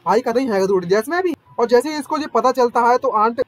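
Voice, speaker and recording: Male narrator, anime recap, excitable and slangy, very high voice, quick delivery. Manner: excitable, slangy joking asides.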